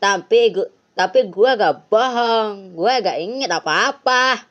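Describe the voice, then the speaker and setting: A woman voicing an angry, suspicious young boy who shouts accusations, on a lo-fi recording. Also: medium pitch, takes it slowly, voice pushed up, close to an everyday voice. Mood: accusing. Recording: lo-fi, dull sound.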